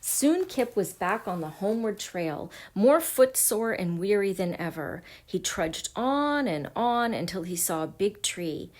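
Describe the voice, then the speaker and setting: Woman reading a kids' storybook out loud, slow and gentle, goes hushed sometimes. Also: medium pitch. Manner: gentle, expressive, dropping to a hush at times. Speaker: storybook reader. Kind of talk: reading a children's picture book aloud.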